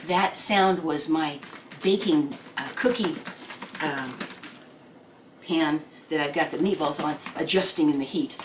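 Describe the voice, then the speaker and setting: A woman in her sixties, hosting a home cooking video in casual chat, homey and chatty with many pauses and ums. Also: low voice. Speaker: home cooking channel host. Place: home kitchen, indoors. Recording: noisy home kitchen recording. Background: clinking dishes and pans.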